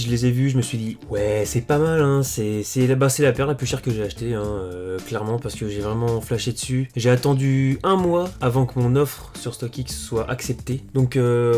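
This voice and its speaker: A man talking casually as a vlogger, presenting things in a relaxed show-and-tell with frequent fillers and self-corrections. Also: mid-range voice. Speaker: sneaker vlogger.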